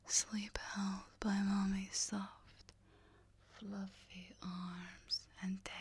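A woman voicing a doting, furry, serpent-like monster hostess in a slow, breathy, soothing whisper. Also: medium pitch, fairly bright tone, full character voice. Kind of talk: whispered ASMR roleplay.

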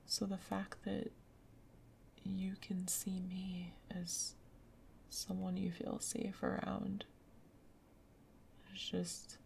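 Soft whispery woman, slow gentle asmr, gravelly fry in her voice, flat and even. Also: mid-range voice. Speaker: girlfriend roleplay. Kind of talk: ASMR roleplay. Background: rain sounds.

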